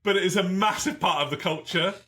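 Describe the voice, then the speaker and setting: A man's voice: high-pitched, fairly quick, fairly bright tone. A man co-hosting a podcast, chatting casually and animatedly, swearing freely and joking. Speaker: podcast co-host.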